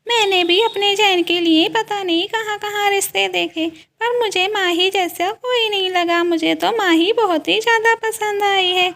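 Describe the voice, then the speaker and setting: Woman doing a doting mother-in-law, very high voice, doll story role-play, fond and boastful. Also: a little slow, few pauses, a bit bright, full character voice.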